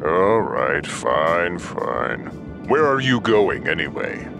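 A humorless, loyal warship admiral in a sci-fi audio drama. The voice is deep and unhurried, with formal, pompous phrasing that rises and falls dramatically. Music plays behind him. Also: male voice, sing-song, gravelly, heavily acted. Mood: bemused. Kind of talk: audio fiction drama acting.

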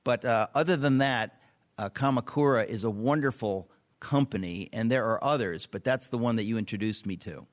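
A man's voice: medium pitch, moderate pace, no echo. A man speaking as a talk radio host.

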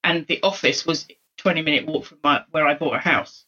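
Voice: mid-range voice, brisk, pushed and bright, slightly rough, poor audio. An architect from South London, a guest on a podcast, talking conversationally with hesitant fillers. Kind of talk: casual chat.

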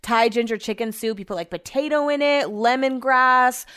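A woman's voice: fairly high pitch, moderate pace, a bit bright, clean tone. A woman in her thirties talking casually in a vlog, rambling and chatty, swearing freely. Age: 30s. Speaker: vlogger.

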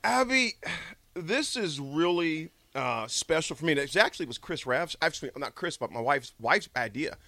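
A man's voice: fairly high pitch, moderate pace, no echo. A middle-aged man hosting a radio show in a studio, telling stories with jokes and frequent laughter. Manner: animated, jokey storyteller who laughs a lot. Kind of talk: lively radio talk.

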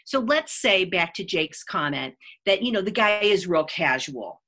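A woman author speaking as an interview guest, who builds her points calmly with everyday examples. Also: on the low side, measured pace. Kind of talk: conversational interview.

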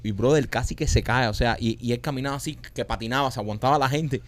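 A man hosting a casual language podcast, animated and swearing freely. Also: medium pitch, quick pace, slight background noise. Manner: animated, swearing, loud bursts of pride. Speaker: podcast host. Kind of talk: casual chat.

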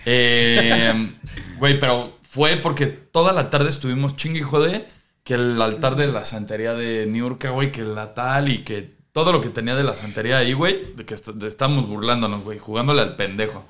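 A man with a Mexican accent, chatting casually on a podcast and telling animated stories full of slang. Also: mid-range voice, moderate pace. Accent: Mexican Spanish. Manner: slangy, animated storytelling, says "güey" constantly. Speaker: podcast co-host. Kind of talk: casual chat.

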